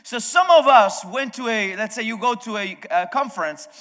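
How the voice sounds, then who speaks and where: With a bright, forceful tone and a high-pitched voice at normal speed, a pastor whose first language is Spanish preaches to his congregation. He speaks conversationally and often restarts sentences, and the church service is recorded in an echoey hall.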